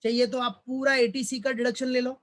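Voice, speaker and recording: Brisk and level in tone, this college commerce lecturer has a very high-pitched, slightly bright voice. Teaching tax in a recorded Hindi-English lecture, he fatherly calls students "beta," repeats every point, and asks questions only to answer them himself.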